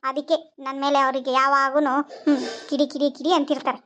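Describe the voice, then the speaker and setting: An actress playing a sharp-tongued young second wife who talks in a sulky, complaining way. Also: female voice, high-pitched, level tone, brisk, dull audio.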